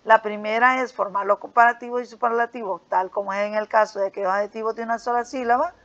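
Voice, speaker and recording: A woman with a slightly high voice walks her students through a grammar worksheet in a patient, repetitive teaching manner. She keeps checking their understanding as she goes. The recording sounds dull and lo-fi. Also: steady tone, fast talker, a bit bright. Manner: patient, repeats "¿ok?" and "¿verdad?" often. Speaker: English teacher.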